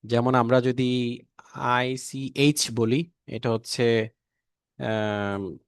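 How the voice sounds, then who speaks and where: Bangladeshi man, mid-pitched, slow and drilled delivery, dry close sound; patient online language teacher. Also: fairly even intonation, smooth, no room sound. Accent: Bangladeshi Bengali. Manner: slow, repeats each word several times with many fillers.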